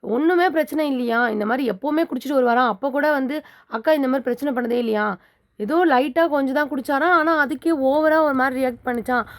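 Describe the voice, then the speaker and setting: A woman's voice: sits high, quick pace, lightly acted. Woman voicing a concerned young brother.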